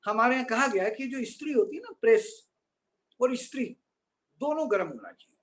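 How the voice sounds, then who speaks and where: A man, delivering a humorous motivational lecture. He builds jokes on playful wordplay and tends to drop to a softer tone for each punchline. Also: very high-pitched, animated, brisk. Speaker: guest speaker.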